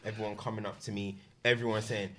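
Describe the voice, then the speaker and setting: A man's voice: fairly low pitch, level tone, fast, sharp tone, a little hiss or hum. A man with a London accent in casual sports chat, talking in roadman slang and repeating phrases for emphasis. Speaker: regular sports pundit.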